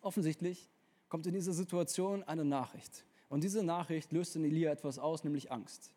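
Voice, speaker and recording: A young man preaching a casual, energetic sermon, talking straight to the listener in colloquial words. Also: on the high side, normal speed.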